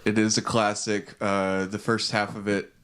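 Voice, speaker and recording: Laid-back podcast host from Texas, lowish voice. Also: male voice, moderate pace, smooth. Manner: relaxed, rambling, lots of fillers. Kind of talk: casual chat. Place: home studio.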